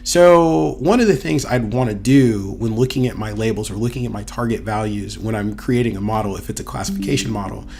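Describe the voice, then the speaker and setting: A man whose mid-range voice is a little mellow but hoarse from a cold walks through a screen-recorded data tutorial as a university instructor. He keeps it casual, thinking aloud and using fillers, with a little hiss or hum in the background.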